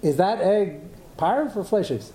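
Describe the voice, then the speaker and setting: Man, rabbi teaching informally, high pitch, rhetorical questions, Yiddish-peppered English, noticeable background noise. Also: a little slow. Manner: animated explaining with rhetorical questions and asides; sprinkles Yiddish and Hebrew terms into English. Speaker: rabbi teaching a Talmud class. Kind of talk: informal Talmud lecture.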